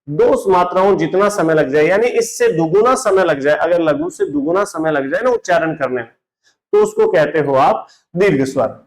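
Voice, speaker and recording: A man's voice: fairly high pitch, poor audio. A man teaching Hindi grammar in an online lesson, often asking a question and answering it himself, calling his students brother and dropping English words into his Hindi. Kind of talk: classroom-style online lesson.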